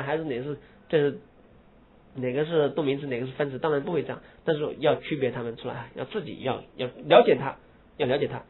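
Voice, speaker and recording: A man teaching English grammar, explaining in Mandarin and reading English example phrases slowly and with emphasis. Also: on the high side. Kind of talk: lecture. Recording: husky lo-fi phone-like recording.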